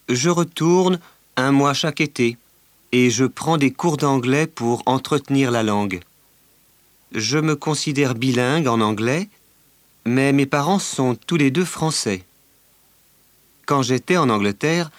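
A man voicing a slow, careful French schoolboy. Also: medium pitch, no echo, close to an everyday voice. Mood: matter-of-fact. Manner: slow, carefully articulated delivery. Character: friendly bilingual French teenage schoolboy. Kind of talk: scripted language-course recording.

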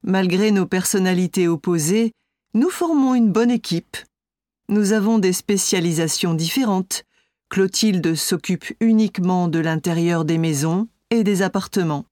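A woman's voice: fairly low pitch, unhurried, mellow, no room sound, clean studio sound, close to an everyday voice. A woman playing a composed architect. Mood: calm. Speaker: architect being interviewed. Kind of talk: scripted exam listening dialogue.

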